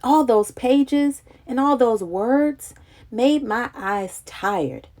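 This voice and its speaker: With a fairly high pitch and a very slow delivery, a woman reads a children's picture book out loud. The telling is dramatic, expressive and childlike.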